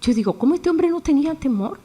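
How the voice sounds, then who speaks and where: Lively preaching woman. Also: high-pitched, quick pace. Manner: lively, acts out quoted voices, chuckles while preaching. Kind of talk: sermon.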